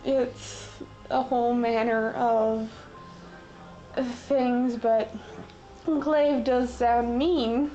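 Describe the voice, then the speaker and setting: A woman reading a novel aloud with chatty asides, hoarse from losing her voice and often clearing her throat. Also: on the high side, steady tone, extremely slow, warm tone, highs cut off, soft background music. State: hoarse, recovering voice. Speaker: audiobook reader. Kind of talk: casual book reading with asides.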